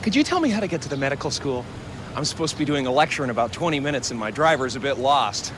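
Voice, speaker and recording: A man's voice: medium pitch, very animated, fast talker, lightly acted. An actor playing a goofy, overly friendly man who is lost and asking a passerby for directions. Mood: polite. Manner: chirpy, overly friendly, fake Aussie slang. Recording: film clip with loud street traffic.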